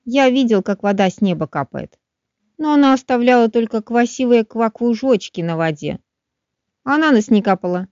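A woman voicing a curious, cheerful little male froglet in a storybook, drawing out croaky words slowly. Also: fairly high pitch, animated, a little mellow, no room sound. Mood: wondering. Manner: slow, wondering, drawn-out croaky 'kvak' sounds. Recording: dull, dry studio sound.

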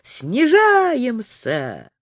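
A woman voicing a small boy in an audiobook, with frantic, shrill shouting. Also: huge pitch swings, drawn-out words, no room sound, studio quality, full character voice. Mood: excited. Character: excitable little boy, panicky and boastful. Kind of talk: audiobook character voice.

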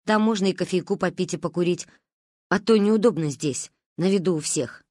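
A calm, sensible father speaks in a lowered, even voice, read by a woman in a storybook. The tone is slightly husky and recorded dry and close. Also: fairly quick, no echo, close to an everyday voice.

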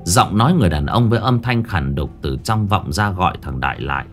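A man narrates a ghost story in a low voice. His storytelling is dramatic, and his pitch rises and falls a great deal. Faint music plays underneath. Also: animated, brisk. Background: faint background music.

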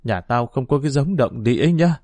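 A man voicing a furious middle-aged village mother who scolds and wails in a shrill voice. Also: animated, fairly quick, darkish tone, no echo, natural voice. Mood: scolding.

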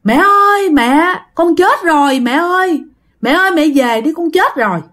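A woman's voice: very high voice, expressive, moderate pace, fairly bright tone, voice pushed up. A woman voicing a desperate pregnant teenage girl who begs for help. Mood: wailing.

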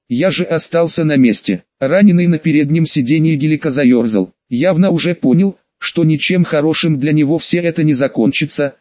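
A man narrates an audiobook in a steady, even delivery with a slightly raised pitch. The recording is dry and a little muffled, with a lo-fi character. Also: no echo.

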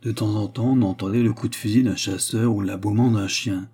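A man reading a classic novel aloud in a measured, even manner. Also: on the low side, breathy edge. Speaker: audiobook narrator.

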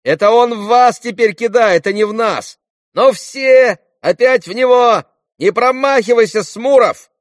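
A man reading an audiobook and voicing a rowdy pack of schoolboys with shrill, jeering shouts. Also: a little slow, dry recording, studio quality.

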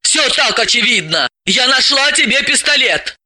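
A man's voice: high-pitched, lively intonation, a little slow, pushed and bright, no echo, full character voice. A man reading an audiobook, voicing a bossy, sardonic woman psychoanalyst who gives orders and mocks. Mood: triumphant.

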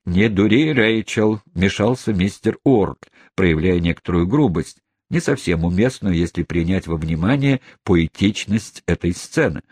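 A man narrating a comic classic novel in an expressive, gently ironic reading. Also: low voice, normal speed, breathy edge, no room sound, clean studio sound. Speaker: audiobook narrator. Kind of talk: scripted narration.

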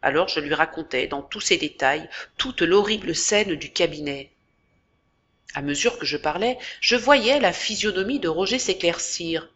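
Bright-voiced woman reading a novel aloud. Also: fairly low pitch, animated, moderate pace, lo-fi sound. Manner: dramatic, varied emphasis. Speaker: audiobook narrator. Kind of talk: expressive literary reading.

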